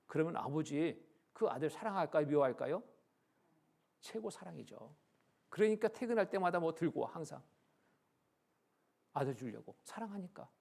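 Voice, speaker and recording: Gravelly middle-aged man preaching. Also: on the high side. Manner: storytelling with sudden loud and hushed turns. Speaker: pastor. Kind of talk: sermon. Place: church.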